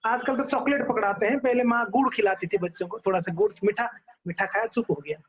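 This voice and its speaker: Man, preacher, animated storytelling sermon, very high voice, dull lo-fi recording. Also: fast. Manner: animated, acts out characters, asks the audience.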